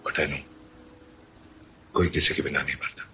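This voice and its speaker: A weary fifty-year-old man, deep and resigned. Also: steady tone, unhurried, noisy background. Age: 50s. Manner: quiet, resigned, mixing Hindi and English. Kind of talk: film dialogue.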